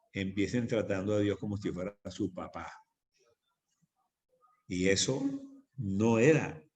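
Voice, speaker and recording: A man's voice: fairly low pitch, a little mellow. A man preaching as pastor in a church, teaching on prayer with emphatic repetition. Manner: emphatic, repeats phrases for stress.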